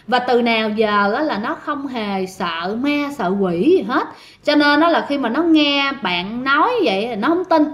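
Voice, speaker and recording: A woman tells a ghost story in a relaxed, chatty way, often turning to her listeners. Her voice sits notably high. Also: unhurried. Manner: chatty, addresses listeners directly. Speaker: ghost story podcast host. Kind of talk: casual storytelling.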